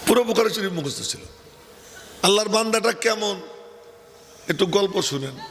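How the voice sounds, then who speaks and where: A man's voice: sits high, lively intonation, normal speed, a bit bright. An older man, preaching an open-air sermon to a crowd, chatty and teasing with asides. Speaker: preacher at a religious gathering. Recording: long hall echo, faint ambient noise.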